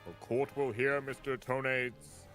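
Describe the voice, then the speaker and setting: A man's voice: medium pitch, fairly even intonation, fairly bright tone, soft background music, natural voice. A man doing a stern formal judge. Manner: formal, measured. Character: stern older male courtroom judge.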